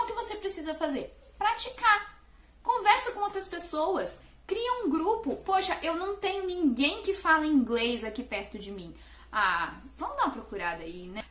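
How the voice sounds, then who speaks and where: A young woman's high voice, with pitch that leaps up and down as she talks. She teaches in a quick, playful way and hits words with sudden punch. The sound is roomy and echoey. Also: a little hiss or hum. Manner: fast, animated, playful talk with sudden loud stresses. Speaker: English teacher and YouTuber. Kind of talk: energetic casual tutorial to camera.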